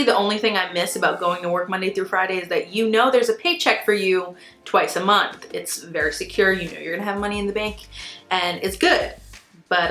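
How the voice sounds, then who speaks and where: A woman's voice: mid-range voice, fairly bright tone, reverberant. A young American woman chatting casually and informally to camera as she answers viewer questions, giggly at times and free with swearing. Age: young adult. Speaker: YouTube beauty and fashion vlogger. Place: small indoor room at home, seated in an armchair.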